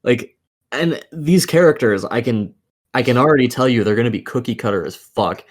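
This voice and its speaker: Speaking at normal speed in a mid-range voice, a man co-hosts a casual podcast. He launches into an opinionated rant about games and films, full of profanity, exasperation and emphasis.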